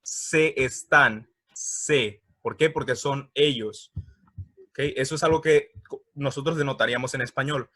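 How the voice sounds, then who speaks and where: A man teaching an English grammar lesson from slides, explaining patiently, checking in often, and repeating words slowly for pronunciation. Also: mid-range voice, fairly bright tone, no echo.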